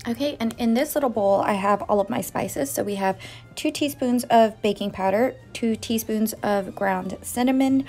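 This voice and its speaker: A woman's voice: a little high, a little mellow. A woman hosting a baking vlog at home, chatting through each step in a casual voice-over. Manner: chatty, walks through steps one by one. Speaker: baking channel host. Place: home kitchen.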